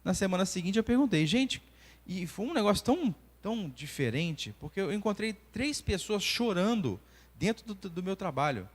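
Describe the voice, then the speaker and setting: A man's high, breathy-edged voice moves at normal speed through a church lesson built on personal stories. He is a Brazilian doctor in his forties with a Brazilian Portuguese accent who animates his tales by acting out the dialogue. Long church-hall reverb fills the recording.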